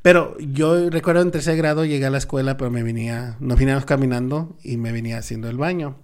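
A man, co-hosting a podcast and telling a childhood story in a deadpan, casual way. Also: mid-range voice, fast. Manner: deadpan, tells stories with acted quotes. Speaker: podcast co-host.

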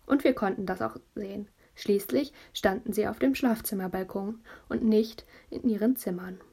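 A woman narrating a children's audiobook in a lively storytelling voice, telling it as a child would. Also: medium pitch, normal speed, creaky, slightly rough.

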